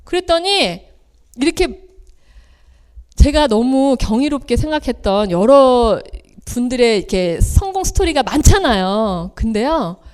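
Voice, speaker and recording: A woman's voice: a little high, big pitch swings, measured pace, darkish tone. A middle-aged woman giving a motivational seminar speech, telling personal stories and acting out the voices of family members. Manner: storytelling, acting out quoted family voices with big swings. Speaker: seminar speaker.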